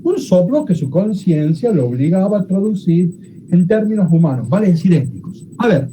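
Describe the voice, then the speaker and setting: Animated, dark-voiced teacher. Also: medium pitch, slight background noise, rough recording. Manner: explanatory, often checks understanding with quick questions. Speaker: Bible teacher. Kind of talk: classroom lecture.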